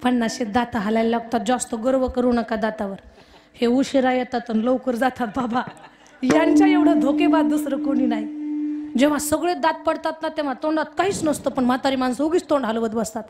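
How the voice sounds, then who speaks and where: High-voiced woman preaching a humorous kirtan. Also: a little mellow. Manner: jokey storytelling, drawn-out chanted verse lines. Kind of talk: humorous devotional kirtan sermon.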